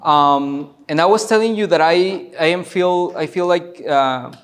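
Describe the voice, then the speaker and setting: A man's voice: on the high side, unhurried. A man in his forties from Guatemala, a curator giving a loose, chatty talk full of fillers and restarts at a university. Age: 40s. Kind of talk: casual public talk. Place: university lecture room.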